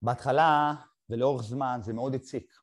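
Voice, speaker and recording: A middle-aged man hosting a conversation and telling a personal story, haltingly, with short pauses. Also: medium pitch, fairly even intonation. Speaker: podcast host. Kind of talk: casual conversation.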